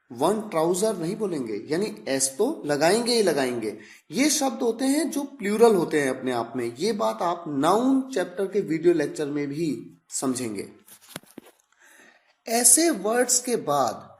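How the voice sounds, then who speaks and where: A man giving a recorded grammar lecture, explaining patiently, repeating examples and drawing out sample phrases slowly. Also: fairly high pitch. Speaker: English grammar teacher.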